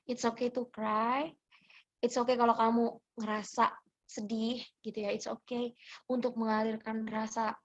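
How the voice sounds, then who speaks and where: A young woman with a slightly high voice talks gently and reassuringly, like a motivational speaker answering listeners' questions. She slips English phrases into her talk and keeps a soft, encouraging tone. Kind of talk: motivational sharing session.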